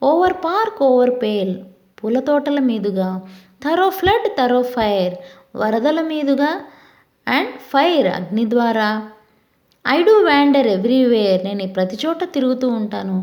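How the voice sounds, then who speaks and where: A woman teacher with a Telugu accent, reading English lines slowly and then explaining them quickly in Telugu. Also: on the high side, expressive, darkish tone. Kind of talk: explaining an English textbook lesson.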